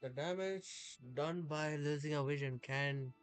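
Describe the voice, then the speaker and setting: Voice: mid-range voice, measured pace, smooth, faint music behind. A streamer giving casual, playful commentary while playing a game and talking back to the characters. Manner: playful, chatty, talks to the game.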